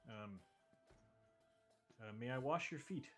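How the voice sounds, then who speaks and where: A man's voice: medium pitch, lively intonation, takes it slowly, a bit bright, soft background music. Man as a hesitant, polite kobold servant. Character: humble kobold servant, small reptile creature, polite.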